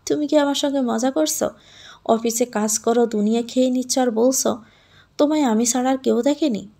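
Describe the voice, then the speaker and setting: A woman voicing an arrogant young male boss who gives curt, mocking orders, in a higher voice with a gravelly edge. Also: normal speed, dark tone. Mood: bossy. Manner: curt, commanding, sneering.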